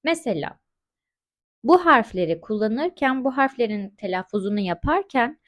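A woman teaching French pronunciation in a slow, explanatory lesson, patiently saying each example word twice. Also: a little high, expressive. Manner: patient, repeats example words slowly.

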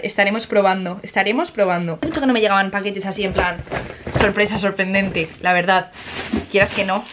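A woman, chatting excitedly as she unboxes makeup. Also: medium pitch, a little hiss or hum. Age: 20s. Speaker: vlogger. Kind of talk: casual unboxing chat.

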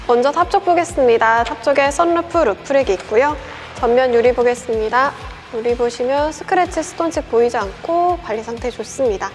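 Young korean-style car sales lady, high voice, polite step by step walkaround, music behind. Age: young adult. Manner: methodical, polite sales presenter delivery. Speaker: used car dealership presenter. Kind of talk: scripted product walkaround presentation. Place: large indoor car showroom, car interior and garage. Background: background music.

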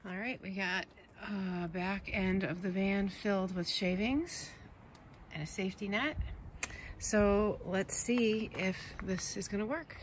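Speaking at a medium pitch, slowly and with frequent pauses, a middle-aged woman coaxes her pets in short, casual lines. She's a backyard chicken keeper and vlogger, filming on a handheld phone mostly outdoors in the garden and by the coop.

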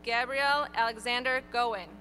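A woman reading graduates' names one by one at an outdoor graduation ceremony, in a clear, measured announcing manner. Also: on the high side, steady tone, sharp tone, a little hiss or hum. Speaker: graduation name reader. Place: outdoor stadium ceremony over PA.

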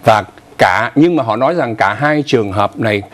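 A man in his sixties gives casual morning news commentary as a co-host, talking from a TV studio on a lapel mic and slipping in asides. His medium-pitched voice is animated and a bit bright, at a moderate pace.

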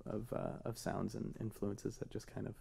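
Man, 30s, low voice with vocal fry, animated and self-deprecating, radio guest. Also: moderate pace. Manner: animated, self-deprecating, many fillers and restarts. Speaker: guest singer-songwriter. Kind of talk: radio interview. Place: radio studio.

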